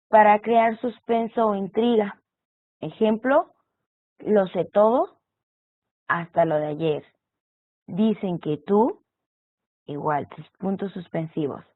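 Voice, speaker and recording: An online course teacher explains punctuation and text structure, walking through examples in a recorded lecture. Her voice is medium-pitched, with no echo, and the audio sounds tinny, like a phone.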